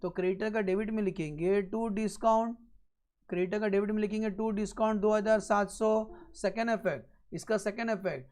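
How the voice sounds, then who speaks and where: A male accounting teacher lecturing a class. He repeats each step slowly and keeps checking that the students are following. Now and then he drops a blunt, joking aside. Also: high-pitched, steady tone, a little mellow.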